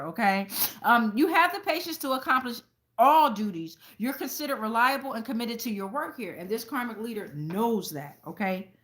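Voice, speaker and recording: Speaking to her viewers and checking in on them again and again, a tarot reader runs her channel's reading in a chatty, unfiltered way, full of cursing and personal anecdotes. Her voice is fairly high and fairly bright.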